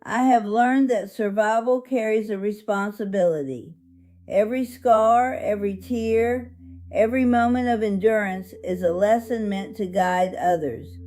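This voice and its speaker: Slow, mellow woman as a solemn elderly survivor. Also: medium pitch, soft background music, natural voice. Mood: solemn, hopeful. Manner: solemn, earnest, measured oratory. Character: 101-year-old woman survivor telling her life story, dignified, hopeful. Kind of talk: scripted first-person life-story narration.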